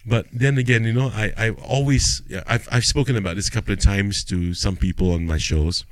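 Casting: male podcast host, Singaporean accent, low voice, colloquial Singlish-tinged chat, close dry sound. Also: steady tone, fairly quick, no echo. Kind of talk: casual conversation in Singlish-tinged English.

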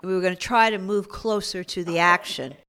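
A woman host recounting the day in a conversational, animated way. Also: mid-range voice, fairly quick, over loud music. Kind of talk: storytelling recap.

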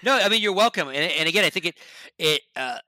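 A man from esports broadcasting guests on a casual podcast, talking shop in a blunt, emphatic, expressive way and swearing as he goes. He talks fast and often drops to a low, quiet voice, and the recording has no echo.

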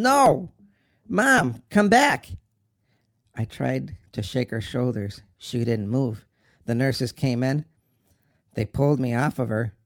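An actor playing a grieving young man who talks in a slow, halting, tearful way about his mother. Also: medium pitch, darkish tone, no room sound, clean studio sound, lightly acted. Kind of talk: dramatic monologue.

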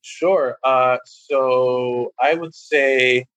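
A young man from New York, a guest actor giving long, thoughtful answers in a relaxed interview chat. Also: medium pitch, very slow, poor audio.

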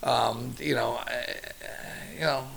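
A middle-aged man, a chef, chatting casually in an interview as an animated, slightly profane storyteller. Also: medium pitch, slow, creaky.

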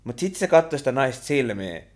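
A young man, co-hosting a podcast and telling stories in an animated, slangy casual chat. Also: mid-range voice. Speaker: podcast co-host.

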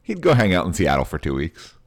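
A man's voice: low-pitched, huge pitch swings, quick pace, no room sound, clean studio sound. A man co-hosting a casual sports podcast, easygoing, laying out the news in summary form. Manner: easygoing, sets up stories with news-style summaries. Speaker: podcast co-host.

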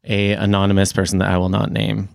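Gravelly low guy on a podcast, valley-girl inflection, teasing questions. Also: completely flat delivery, fast talker, no echo, studio quality. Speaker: podcast co-host. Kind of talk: casual chat.

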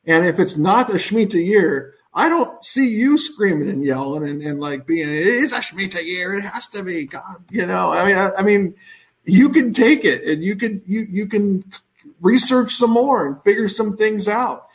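A man with a notably high voice co-hosts a casual live stream. He rambles in an amused, chatty way. His talk drifts as he reacts to viewers. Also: lively intonation, normal speed.

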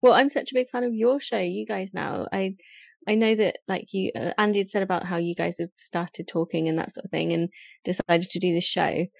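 A woman's voice: fairly low pitch, a little fast, vocal fry, slightly rough, no echo, clean studio sound. A woman chatting casually as a podcast guest in an effusive, informal way. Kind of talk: casual chat.

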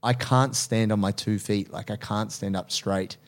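A man's voice: on the low side, steady tone, normal speed. A man in his thirties, a strength coach and personal trainer, talking candidly and earnestly in casual podcast chat, laughing easily.

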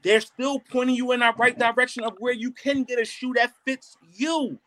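High-voiced man ranting emphatically. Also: fairly even intonation, normal speed, fairly bright tone. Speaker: podcast co-host. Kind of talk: casual podcast debate.

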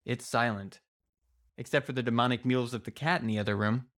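A man's voice: medium pitch, a little fast, a bit bright. A man narrating a first-person horror story in a suspenseful, theatrical manner. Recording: prominent music behind voice.

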